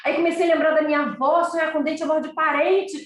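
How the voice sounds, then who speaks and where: A woman's voice: high voice, fairly even intonation, quick pace. A middle-aged woman with a Carioca accent giving an informal spiritual talk, telling everyday anecdotes in a conversational way. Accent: Carioca Portuguese. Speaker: spiritual speaker. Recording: roomy sound, distant mic.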